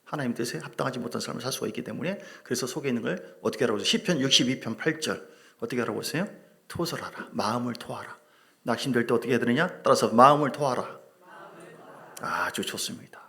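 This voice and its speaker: A middle-aged man preaching a sermon as a pastor in a church, lively and joking with his congregation. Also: mid-range voice, quick pace, creaky. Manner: animated preaching with humor, asides to the congregation. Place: church sanctuary.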